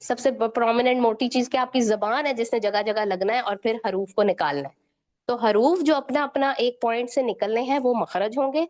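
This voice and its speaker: A woman's voice: on the high side, normal speed, darkish tone. Woman teaching with question-and-answer checks. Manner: repeats "theek hai" to check understanding, quizzes listeners with questions. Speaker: Quran recitation teacher. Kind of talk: explanatory lesson to students.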